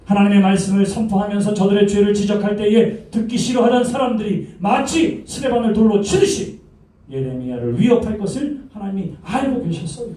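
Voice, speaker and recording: A male pastor with a high-sitting, dark-toned voice preaches a brisk Sunday sermon, dramatically acting out the pleas and commands he quotes. He's in a church sanctuary, and his voice carries from far off through the echoey hall.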